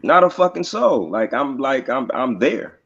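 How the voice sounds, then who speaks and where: A man's voice: mid-range voice, big pitch swings, a little slow, gravelly, fairly bright tone, husky, lo-fi sound. A man guesting on a podcast, talking in a laid-back, profane way with lots of fillers. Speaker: rapper guest. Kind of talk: casual podcast interview.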